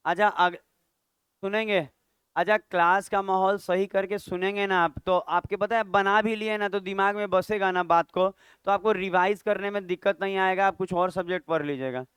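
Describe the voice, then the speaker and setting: A man's voice: sits high, steady tone, moderate pace, fairly bright tone, clear, resonant tone, no room sound. A man teaching a maths class, chatty and scolding, quizzing students aloud. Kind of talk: classroom lecture.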